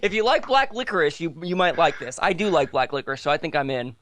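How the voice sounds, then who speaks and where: A man's voice: on the high side, expressive, quick pace, a bit bright, slight background noise. A young man co-hosting a podcast in casual chat, rambling and correcting himself, often laughing. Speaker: podcast co-host.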